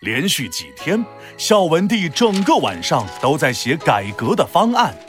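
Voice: mid-range voice, sing-song, unhurried, soft background music. A playful, exaggerated storyteller host narrating a scripted history tale for children.

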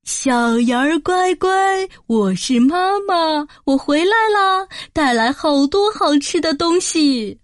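A woman's voice: high voice, lively intonation, no room sound, clean studio sound. A woman doing a sly coaxing wolf. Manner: slow, drawn-out coaxing. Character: sly big bad male wolf faking mother's voice. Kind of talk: storybook narration.

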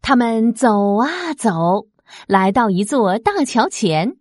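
A woman reading a children's storybook aloud, expressive and lively. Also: a little high, no room sound, clean studio sound. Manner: slow, lively, expressive, sound effects.

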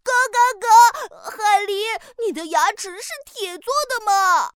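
A woman's voice: extremely high pitch, takes it slowly, fairly bright tone, no room sound, clean studio sound, full character voice. A squealing, quacking little duckling, voiced by a woman. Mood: astonished. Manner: quacks often, squeals and exclaims. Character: excitable little male duckling, impulsive and whiny. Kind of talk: children's storybook audio.

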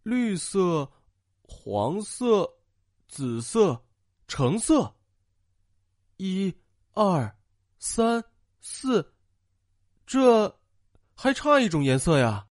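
A man's voice: high voice, very animated, extremely slow, pauses often, no echo, clean studio sound, full character voice. A man voicing shy, wistful Mr. Flour. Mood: counting. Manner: soft, wistful, sighing. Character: gentle shy male flour character. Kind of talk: children's audio story acting.

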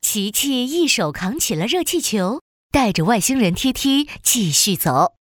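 A woman narrates a children's story in a fairly high, husky voice with very lively intonation. The delivery is scripted and animated, recorded close and dry. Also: measured pace, no echo.

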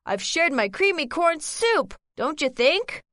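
A woman's voice: sits high, sing-song, measured pace, a bit bright, no echo, clean studio sound, exaggerated voice. A woman voicing a sly, greedy fox, sweet-talking. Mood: fawning. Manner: sweet-talking, wheedling, chuckling to himself. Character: greedy sly male fox, scheming and fawning. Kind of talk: storybook character reading.

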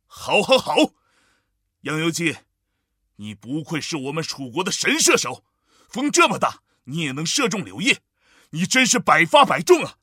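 A man voicing a bold, boastful army general in a children's story, speaking loudly and with authority. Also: on the high side, huge pitch swings, moderate pace, no echo, studio quality, exaggerated voice. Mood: admiring. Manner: loud, proud, commanding.

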